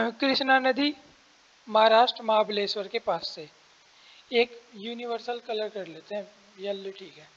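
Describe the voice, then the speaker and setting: A man teaching an exam-prep lesson, explaining step by step, asking and answering his own questions and clearing his throat often. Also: high voice, measured pace, fairly bright tone, in a large hall, lo-fi sound.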